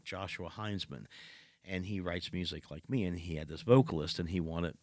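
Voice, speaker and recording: Animated laughing man on a podcast. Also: deep voice, moderate pace, dry recording, clean studio sound. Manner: animated storyteller, laughs often. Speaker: podcast co-host. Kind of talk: casual podcast chat. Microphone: studio podcast mic.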